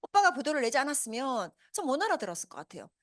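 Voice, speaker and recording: Woman, 50s, business seminar speaker, animated, fast-talking, lively pitch, dry sound. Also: no room sound. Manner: animated, asks the audience many questions. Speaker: business presenter. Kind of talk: motivational seminar talk. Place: meeting hall with a live audience.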